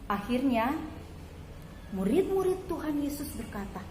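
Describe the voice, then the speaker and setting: Slow, high-voiced woman storyteller. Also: big pitch swings, a little mellow, slight background noise. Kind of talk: children's Bible story narration. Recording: echoey hall, faint ambience.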